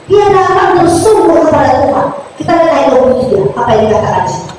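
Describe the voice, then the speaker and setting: High-voiced woman preaching in echoey hall. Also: sing-song, very fast. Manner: emphatic, sing-song preaching with repetition. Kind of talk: sermon. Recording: echoey hall from far off, faint noise.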